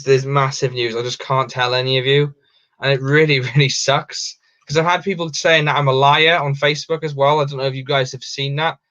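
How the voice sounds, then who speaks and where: A man's voice: mid-range voice, pushed and bright, clear, resonant tone. Young man, Welsh accent, rambling livestream chat, lots of ums, dull lo-fi audio. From Wales. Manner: rambling, halting, many ums and restarts. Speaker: livestream host. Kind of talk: casual livestream chat reading viewer questions.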